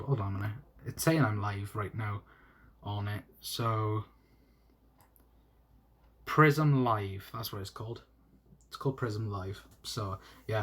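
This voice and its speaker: A young man from South Wales reads comments during a casual football live stream on his phone, his talk rambling and halting with restarts and laughs. The voice is lowish with a slightly rough edge, and it comes through a phone mic.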